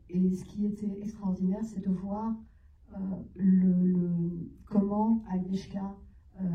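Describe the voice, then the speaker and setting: A woman's voice: mid-range voice, warm tone. A woman actress of Iranian origin, answering questions at a cinema talk in hesitant phrases with many fillers. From Iran. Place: cinema hall. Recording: echoey, distant and muffled room sound.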